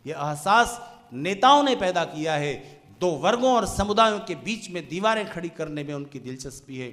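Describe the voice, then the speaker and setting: A man preaching a sermon in a large hall, with impassioned oratory that swings from loud declarations to hushed, drawn-out lines. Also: fairly high pitch, expressive. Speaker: Arya Samaj preacher. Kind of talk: Hindi sermon on national pride. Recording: long hall reverb.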